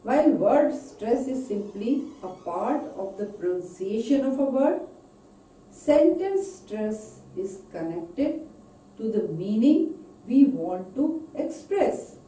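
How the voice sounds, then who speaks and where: Woman with indian english accent, english pronunciation lecture, dark mellow voice, lively pitch, roomy echo, distant mic. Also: a little hiss or hum. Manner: slow, deliberate, drawn-out example words. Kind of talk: recorded lecture. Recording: echoey room, voice off-mic.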